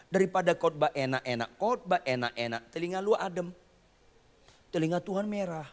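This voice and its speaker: Animated preacher with a gravelly voice. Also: male voice, high voice, normal speed, in a large hall. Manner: animated preaching, swinging from quiet asides to shouting; teasing the congregation in slang. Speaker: pastor. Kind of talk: sermon.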